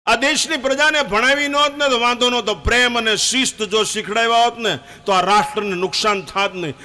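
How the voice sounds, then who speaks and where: An older man preaching a fiery sermon, emphatic and at times shouting. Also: very high-pitched, a little fast.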